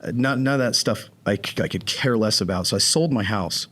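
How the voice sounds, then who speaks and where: A man guest on a podcast, telling his recovery story in a casual, animated way, often acting out what people said. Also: fairly low pitch, fairly quick. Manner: animated, acts out quoted voices.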